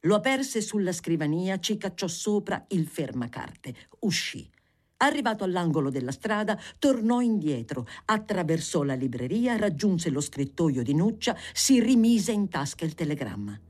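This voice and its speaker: An audiobook reader narrating a literary novel in an expressive, theatrical way. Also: mid-range voice, normal speed. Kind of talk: scripted reading of a novel.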